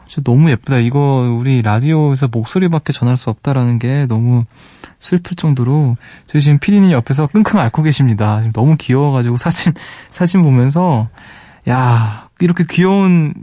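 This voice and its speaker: Mellow soft-spoken male radio DJ. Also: mid-range voice, no echo. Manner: soft-spoken, fond, exclaims over pet photos. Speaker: late-night radio DJ. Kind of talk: late-night radio hosting, reading listener letters. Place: radio studio. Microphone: studio microphone.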